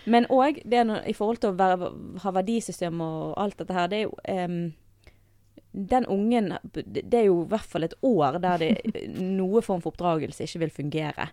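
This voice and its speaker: A woman guest on a podcast telling lively stories about raising children. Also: lowish voice, dry recording. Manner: lively storytelling, quick asides. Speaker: guest, mother. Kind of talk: casual podcast chat.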